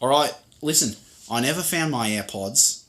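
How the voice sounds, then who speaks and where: A man putting on an Australian accent to voice a loud, slangy young bro. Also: mid-range voice, animated, moderate pace, pitched above the performer's own voice, natural voice. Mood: griping. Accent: Australian (put on).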